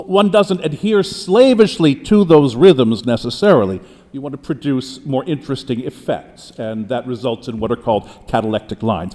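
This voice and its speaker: Man acting as a dead poet on the witness stand, lively, professorial, echoing hall. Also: mid-range voice. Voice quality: professorial, explains at length with frequent restarts. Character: deceased male poet testifying at a trial. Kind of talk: mock trial role-play. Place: courtroom. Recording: long hall reverb.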